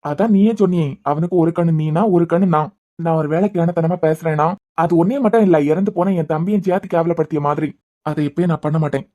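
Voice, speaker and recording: Give me a woman playing a young cartoon husband with a Kanyakumari Tamil accent, teasing and fast-talking, stern when he means it. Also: fairly low pitch, warm tone, natural voice. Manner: fast, bantering slang, stern at times. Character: young husband, a hospital head, teasing but devoted. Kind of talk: cartoon web series voice acting.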